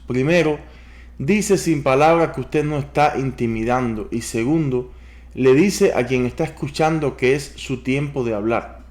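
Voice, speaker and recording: A man reads a sales book aloud to his viewers and adds his own commentary as he goes. He stops to advise them directly and reads the worked examples in a measured way. His voice sits at an ordinary middle pitch for a man. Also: a little mellow. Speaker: host reading a book aloud.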